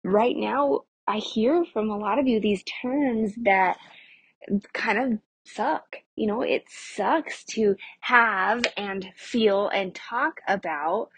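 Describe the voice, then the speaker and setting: Husky-voiced young woman, chatty podcast host. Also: fairly high pitch, dry recording. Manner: chatty, informal, addresses listeners as friends. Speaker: podcast host of a nutrition show for mothers. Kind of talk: casual solo podcast talk.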